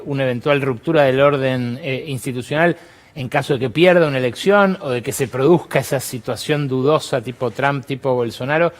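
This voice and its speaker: A man with a Rioplatense accent hosting an interview show, asking questions conversationally and thanking his guest. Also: medium pitch. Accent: Rioplatense Spanish. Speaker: host.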